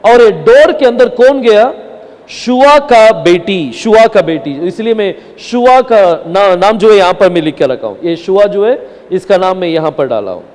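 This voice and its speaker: High-voiced man teaching a lesson. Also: lively intonation, moderate pace, darkish tone. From India. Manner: asks the class questions and answers them himself, mixing in English words. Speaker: Bible language teacher. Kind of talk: classroom lesson with a chart. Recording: hall with long reverb.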